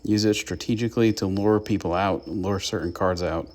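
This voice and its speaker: Low-voiced man commenting on gameplay. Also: steady tone, normal speed, darkish tone. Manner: chatty, gives tips to viewers. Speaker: gaming YouTuber.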